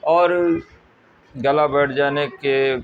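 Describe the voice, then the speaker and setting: A man's voice: medium pitch, fairly even intonation, drawn-out words, clear, resonant tone. Man giving health advice over tinny audio. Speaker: homeopathy doctor. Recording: tinny phone-like audio with faint noise.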